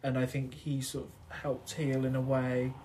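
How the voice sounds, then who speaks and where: A man co-hosting a podcast, talking in a relaxed, thoughtful and hesitant way. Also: medium pitch, a little slow, slight background noise. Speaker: podcast co-host. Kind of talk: casual chat.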